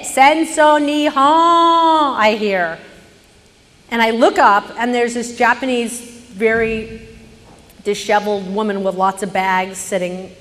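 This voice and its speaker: A woman telling a personal story on stage, animated, swinging from hushed narration to loud indignation. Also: medium pitch, unhurried, long pauses, in a large hall.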